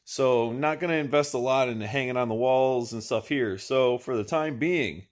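Filmed on a phone camera held at arm's length and later set a few feet back, a man in his thirties reviews and unboxes a tool chest in his workshop, where shelving and lumber fill the space. His medium-pitched voice stays laid-back and unscripted, with occasional muttering to himself mid-task. The audio carries background noise, clicks and handling sounds.

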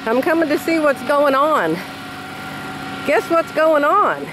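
An older woman vlogs casually while filming outdoors at a building site, chatting, exclaiming often and laughing. Her voice is high-pitched and very animated, at a measured pace. The camera audio picks up outdoor noise.

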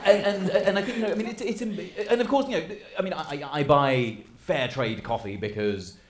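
Fast-talking man in a roomy hall. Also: fairly high pitch, noisy background. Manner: fast, stammering restarts. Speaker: panelist. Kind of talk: panel discussion. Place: large auditorium stage.

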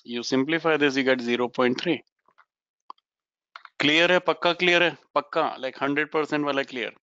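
Male online tutor, Indian accent, encouraging and chatty, Hindi-English mix, smooth bright voice, slightly muffled recording. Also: medium pitch, no echo. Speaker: physics teacher. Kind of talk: informal online lesson, explaining problems to students. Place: indoors, online class over webcam.

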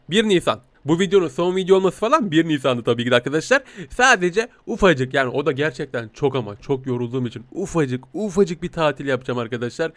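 A man gives teasing, giggly commentary as he plays a game, speaking as a cat. His voice sits high for a man and sounds close and dry. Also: dry recording. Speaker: gaming YouTuber playing a talking cat.

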